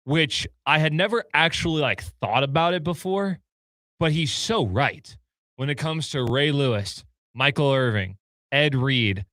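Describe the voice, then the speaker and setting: A man's voice: fairly high pitch, lively intonation, unhurried, a bit bright, dry recording. Enthusiastic man in dry studio. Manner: enthusiastic, rambling. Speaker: radio producer. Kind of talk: casual studio chat. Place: radio studio.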